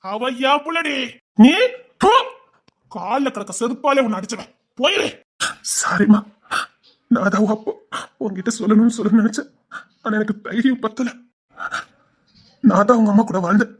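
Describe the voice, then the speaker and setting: A man's voice: high-pitched, normal speed, long pauses, slightly rough. An actor with a Tirunelveli Tamil accent playing a stern, remorseful older father who scolds and then pleads with his daughter. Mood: scolding.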